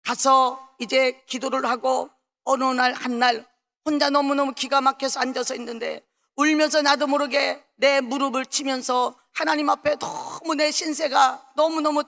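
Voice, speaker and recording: Fervent woman preacher with a gravelly voice. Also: high-pitched. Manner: fervent, swings between soft and loud. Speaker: pastor. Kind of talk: testimony sermon. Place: large prayer hall. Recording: long reverb of a large prayer hall.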